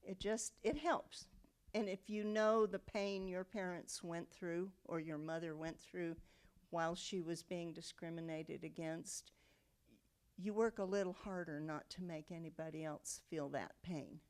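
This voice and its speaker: A woman in her seventies speaks in a slightly low voice. She recalls her family's past in a reflective, unhurried way, often pausing on "um" and checking in with "okay?". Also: steady tone, darkish tone, clear, resonant tone. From United States. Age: 70s. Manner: reflective storytelling with frequent um and okay. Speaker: interviewee. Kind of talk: oral history interview.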